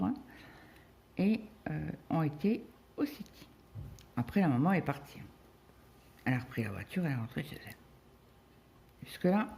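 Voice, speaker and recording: Chatty middle-aged woman, mellow voice. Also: on the low side, creaky. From France. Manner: chatty storytelling, many fillers and quoted dialogue. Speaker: crafting vlogger. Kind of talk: casual chat while cross-stitching.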